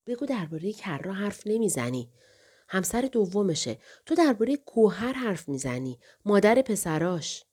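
Tender ghost of a young woman read by a woman, soft coaxing voice, a bit higher, warm. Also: very animated, breathy edge. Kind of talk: audiobook character reading.

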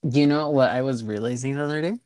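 A woman's voice: a bass voice, dark tone. A woman co-hosting a podcast in casual chat. She teases, makes her points with emphasis and laughs easily. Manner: emphatic, teasing, quick to laugh. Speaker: podcast co-host.

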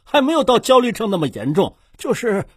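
A man's voice: high-pitched, big pitch swings, fairly quick, husky, no room sound, studio quality, exaggerated voice. A man voicing a doting, fussy old grandfather in a comic family audio drama, scolding yet affectionate. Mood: soothing.

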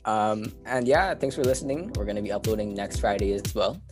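A man's voice: lowish voice, animated, fairly quick, over music. A young man co-hosting a casual podcast, rambling and filling his talk with "like". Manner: rambling, heavy use of "like" fillers. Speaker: podcast co-host.

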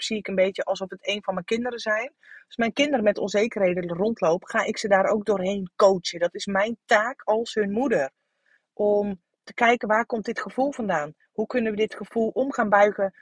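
On a dry recording, a podcast host in her thirties delivers a frank solo monologue, coaching listeners, swearing casually, and full of fillers and restarts. Her voice is mid-range with a breathy edge.

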